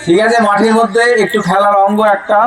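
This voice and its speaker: A man's voice: high voice, little pitch movement, quick pace, rough recording. A man giving live amateur cricket commentary outdoors, repeating phrases for emphasis. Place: outdoors at a local cricket ground. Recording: loud crowd behind. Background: match crowd.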